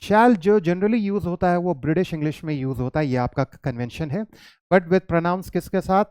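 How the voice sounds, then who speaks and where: A man's voice: high voice, a little mellow, clean tone, no room sound, studio quality. Wala male English teacher. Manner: mixes Hindi and English, reads English lines slowly; addresses students as children, asks and answers his own questions. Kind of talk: classroom grammar lesson.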